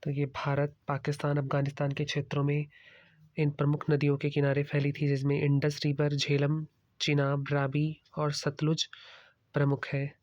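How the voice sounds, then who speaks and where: A man's voice: fairly high pitch, completely flat delivery, normal speed, a little mellow, no room sound. A man teaching exam prep by walking through slides. He explains steadily and mixes English terms into his Hindi. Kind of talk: slide-based lecture.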